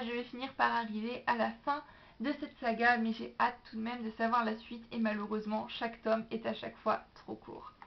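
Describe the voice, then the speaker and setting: A young woman with a French accent chatting enthusiastically about library books in a casual vlog. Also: fairly high pitch. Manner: chatty and enthusiastic, lively asides. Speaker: book vlogger. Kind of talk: casual book haul vlog. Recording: dull, lo-fi home video sound.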